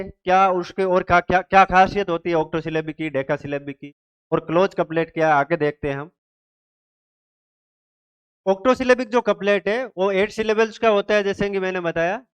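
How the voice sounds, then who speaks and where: A man's voice: sits high, clean tone. A man teaching an exam-prep literature lesson, who asks his students questions and then answers them himself, repeating the key terms.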